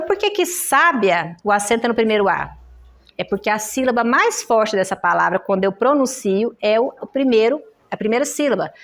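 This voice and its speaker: A woman's voice: a little high, gravelly. A woman with a Brazilian Portuguese accent teaching a classroom lesson on writing errors, explaining step by step and often checking in with her students. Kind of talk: classroom lecture. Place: in-person workshop room.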